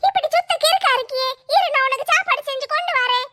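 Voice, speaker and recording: A woman's voice: very high voice, fast, sharp tone. A woman voicing a bold, bossy older sister who scolds and reassures in a brash way.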